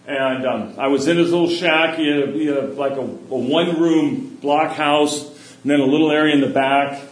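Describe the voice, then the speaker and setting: A middle-aged man giving a sermon, telling stories in a relaxed, conversational way. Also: on the high side, normal speed. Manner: anecdotal, conversational storytelling. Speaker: preacher. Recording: echoey room.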